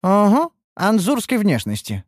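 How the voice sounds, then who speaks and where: A man voicing a scornful, sharp-tongued young woman companion in a fantasy audiobook, speaking dismissively. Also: sits high, huge pitch swings, unhurried, dry recording, studio quality, voice pushed up, exaggerated voice. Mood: mocking. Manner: snorting, dismissive.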